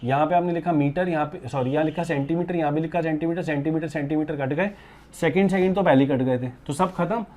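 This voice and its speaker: A man's voice: fairly high pitch, quick pace, darkish tone. A man giving a physics lesson at a board, explaining step by step, often asking his students questions and calling them fondly by pet words, with mixed into his speech. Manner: calls students "beta" and "bachche" fondly; mixes English terms into his speech. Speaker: physics teacher. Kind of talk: classroom lecture at a board.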